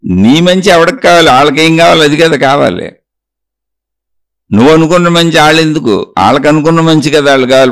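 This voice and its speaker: A man's voice: mid-range voice, creaky. Man giving a direct spiritual talk. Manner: addresses the listener directly with rhetorical questions; tells a true story, repeating phrases. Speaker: spiritual speaker.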